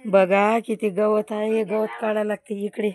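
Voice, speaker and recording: A woman's voice: medium pitch, level tone, moderate pace, darkish tone. A woman, filming outdoors on a phone and talking to a snake with pleading, repetitive commentary. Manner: pleading, repeats words, talks to the snake. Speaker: vlogger. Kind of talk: excited live commentary while filming a snake.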